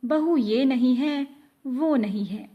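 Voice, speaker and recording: A woman's voice: sits high, slow, highs cut off. A woman voicing a grumpy, demanding older mother-in-law who scolds sharply in a household story. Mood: scolding.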